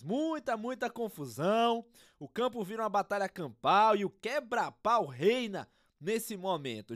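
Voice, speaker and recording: Podcast narrator, scripted football commentary style, theatrical, urgent, animated intonation, dry studio-like sound. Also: medium pitch, dry recording.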